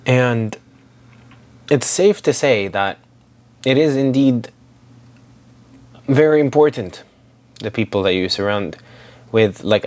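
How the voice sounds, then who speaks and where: With a lowish, slightly mellow voice, a daily vlogger in his twenties, originally from Syria, muses over his day. His talk rambles, full of fillers and false starts.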